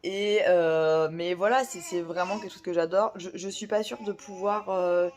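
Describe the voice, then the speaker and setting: A book vlogger chats casually about the book she's reading, sounding hesitant and using lots of fillers and restarts. Her voice is fairly low and darkish, with a steady tone and moderate pace.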